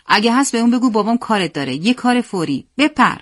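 A woman's voice: a little high, lively intonation, voice pushed up. A woman voicing a stern, worried middle-aged father who gives curt, commanding orders. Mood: tense.

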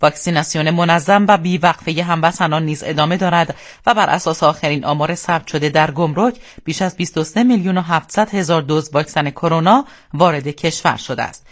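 Solemn, higher-pitched Iranian man reading formal news. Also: fairly bright tone. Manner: solemn, formal newsreader delivery. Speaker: radio newsreader. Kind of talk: formal scripted news bulletin. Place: radio studio.

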